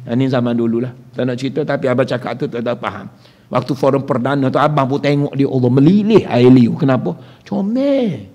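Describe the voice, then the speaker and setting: A man's voice: medium pitch, fairly even intonation, quick pace, darkish tone. A man with a Malaysian Malay accent giving an evening religious lecture in a prayer hall, talking conversationally, quizzing his listeners and referring to himself as Ustaz. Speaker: religious teacher.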